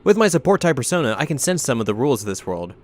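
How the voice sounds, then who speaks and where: A man's voice: medium pitch, very animated, racing. A man reading game text aloud as a let's player, with dramatic delivery and joking asides. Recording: faint background noise.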